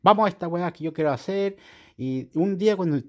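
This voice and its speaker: A man's voice: sits high, fairly quick, darkish tone. A man with a Chilean accent vlogging in a casual, rambling monologue, repeating himself and swearing casually. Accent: Chilean Spanish.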